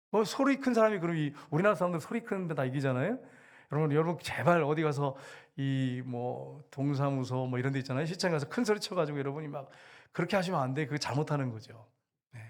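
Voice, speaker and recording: A man preaching a sermon as pastor, earnest and emphatic, often acting out the scenes he tells. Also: on the high side.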